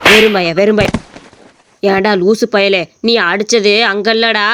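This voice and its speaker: A woman's voice: medium pitch, steady tone, normal speed, very noisy, voice pushed down, close to an everyday voice. A woman voicing a grumpy old village father who scolds and scorns the young men in a cartoon story. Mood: scolding. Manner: scolding, contemptuous.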